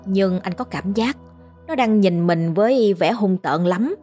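Female storyteller, measured ghost-story narration over faint background music. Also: medium pitch, dark tone.

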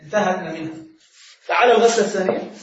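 A man's voice: high voice, very fast. A man teaching Islamic law to a class, asking questions and answering them himself and repeating key words. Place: lesson room with students. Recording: echoey room, distant, dull sound.

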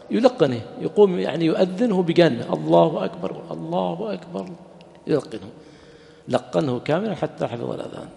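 A man's voice: mid-range voice, gravelly, warm tone, big-room sound. A man, a sheikh, giving a conversational religious lesson in a mosque, asking rhetorical questions and answering them himself, and now and then joking with his listeners. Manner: jokes and laughs with the audience. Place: mosque hall.

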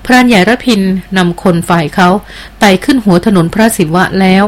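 A woman's voice: mid-range voice, moderate pace, natural voice. A woman reading aloud as a loyal jungle queen who speaks with earnest, deferential respect in an audiobook.

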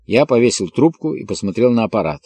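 A man narrating a novel in the first person, calm and measured. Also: medium pitch, breathy edge, dry recording. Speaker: audiobook narrator.

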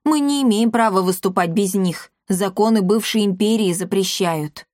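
A woman's voice: medium pitch, moderate pace, darkish tone, no echo, studio quality, natural voice. A woman voicing a stubborn, practical young man who argues back indignantly. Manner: indignant, argumentative.

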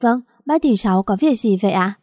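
In a storybook audio drama, a frightened young daughter answers in a timid, stammering voice, as a woman narrator reads her. The tone is soft and mellow, recorded dry and close. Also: mid-range voice, expressive, brisk, dry recording, natural voice.

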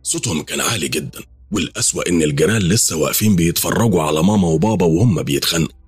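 A man's voice: low-pitched, rapid-fire, slightly rough, dry recording. A man with an Egyptian accent narrating a horror story in an intense, dramatic manner. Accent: Egyptian Arabic.

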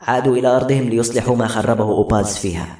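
A man narrating a novel in a brisk, dramatic storytelling manner. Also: mid-range voice, fairly even intonation, darkish tone. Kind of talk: audiobook narration. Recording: roomy with faint music.

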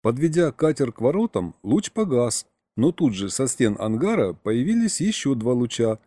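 Man, first-person audiobook narration, ironic, mellow voice, dry close sound. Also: mid-range voice, big pitch swings, normal speed, dry recording.

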